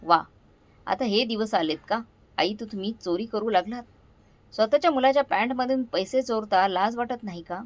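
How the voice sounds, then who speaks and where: A woman voicing an angry young daughter-in-law who shouts accusations, in a dry, close recording. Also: medium pitch, moderate pace, no echo, close to an everyday voice. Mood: furious scorn.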